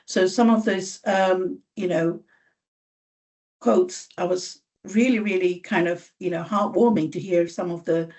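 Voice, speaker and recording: A woman's voice: fairly low pitch, steady tone, unhurried, darkish tone. A woman from Bangladesh presenting her organisation's work at a meeting over a video call. She speaks with many fillers and restarts. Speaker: charity staff presenter.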